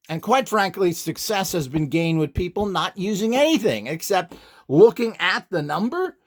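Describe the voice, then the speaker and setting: Acting as an instructor, a man gives an unscripted, informal demonstration. He comes across as opinionated and dismissive, and his voice is a little high.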